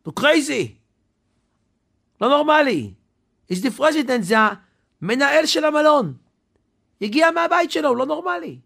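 A man doing a frantic shouting hotel guard. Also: extremely high pitch, vocal fry, long pauses, pitched above the performer's own voice, full character voice. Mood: agitated. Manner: excited, exclaiming, mixing in English.

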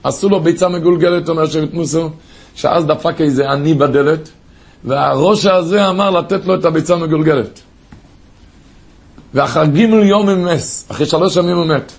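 Male preacher, impassioned storytelling sermon, high voice, gravelly texture. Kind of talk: sermon with stories.

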